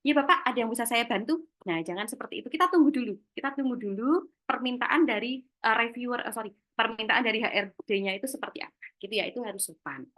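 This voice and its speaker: Bright-voiced woman giving a career talk. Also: a little high. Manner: lively, acts out short example lines. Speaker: career workshop speaker. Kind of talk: online seminar talk. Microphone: video call.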